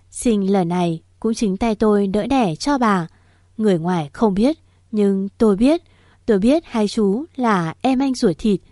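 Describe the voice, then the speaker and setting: A woman's voice: medium pitch, warm tone, no room sound, close to an everyday voice. A woman storyteller voicing an older female midwife and servant who pleads and confesses through tears, in a dry recording.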